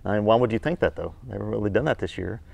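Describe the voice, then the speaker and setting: A man's voice: on the low side, very fast, vocal fry, darkish tone, no room sound, highs cut off. A man on a sports talk panel, skeptical and matter-of-fact.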